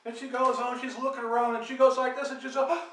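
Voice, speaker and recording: An older man, a grandfather, telling his grandchildren an animated story with dramatic sound effects. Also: very high voice, quick pace, distant mic. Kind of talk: family storytelling. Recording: echoey room, off-mic.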